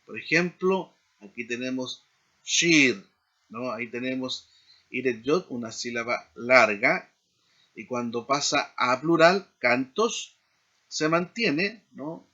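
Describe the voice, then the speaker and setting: A man teaching a seminary class in a slow explanatory lecture, often checking in with tag questions. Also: medium pitch, bright, forceful tone, highs cut off. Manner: frequent tag questions, deliberate pacing.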